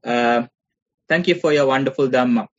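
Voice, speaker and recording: A man's voice: medium pitch, moderate pace. A man from Sri Lanka, a seminary student politely asking hesitant questions. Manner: polite, hesitant, many fillers. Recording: dull lo-fi audio.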